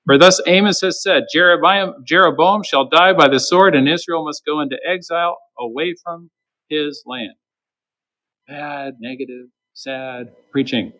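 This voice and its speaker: A man's voice: a little high, a little slow, sharp tone, low-quality recording. A man preaching a sermon, emphatic and acting out the voices of the people he quotes. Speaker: pastor.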